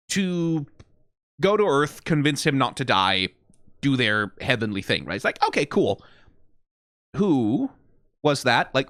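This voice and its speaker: A man with a mid-range, fairly bright voice runs a reaction video, rambling through analytical critique stuffed with "like" and "right?" and laced with wry profanity. It is casual critical commentary in a dry recording with clean studio sound.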